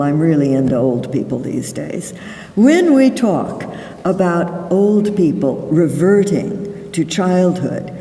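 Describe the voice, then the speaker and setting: A woman psychologist giving a conference lecture, explaining deliberately and stressing key words. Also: fairly low pitch, warm tone. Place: large conference hall. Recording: echoey hall, voice from far off the mic.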